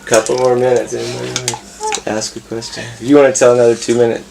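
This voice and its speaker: A man at a family reunion asking halting, casual questions. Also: medium pitch, monotone, creaky. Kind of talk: casual conversation. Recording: noisy recording.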